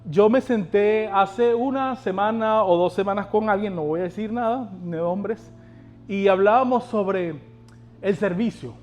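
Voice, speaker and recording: A man's voice: high voice, a little slow, faint music behind. A male pastor preaching a sermon, urging the congregation on and asking them rhetorical questions.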